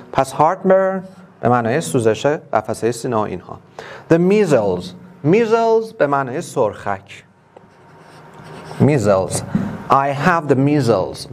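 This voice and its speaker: Man, Persian accent, English teacher, slightly higher voice, patient and repetitive. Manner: explains step by step, repeating words slowly. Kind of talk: online classroom lesson.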